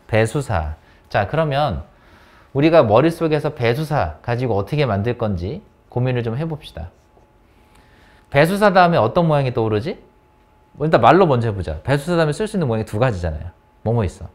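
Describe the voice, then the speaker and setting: Man, English teacher, animated rising and falling pitch, coaxing questions. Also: fairly quick. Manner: lively, coaxing questions to students. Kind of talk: classroom grammar lesson. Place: academy classroom.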